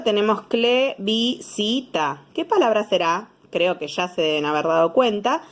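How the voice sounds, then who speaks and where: A young woman with a Rioplatense Spanish accent, explaining schoolwork to small children. She speaks slowly, her pitch rising and falling in a lively, animated way. She sounds out syllables one by one and keeps checking that the children follow. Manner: slow, patient, sounding out syllables with frequent checks. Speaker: teacher. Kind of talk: explaining homework to young pupils.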